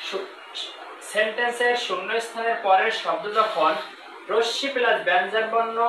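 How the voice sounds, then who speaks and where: An English teacher giving a grammar lesson, repeating each rule and reading example sentences slowly. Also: mid-range voice. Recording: roomy, distant mic with faint noise.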